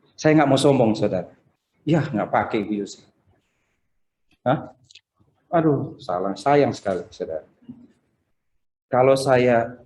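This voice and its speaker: A man's voice: medium pitch, darkish tone. A man preaching a conversational sermon over a video call, telling anecdotes and acting out other people's lines. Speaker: pastor. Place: church service streamed over a video call. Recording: roomy, echoey video call; echoey.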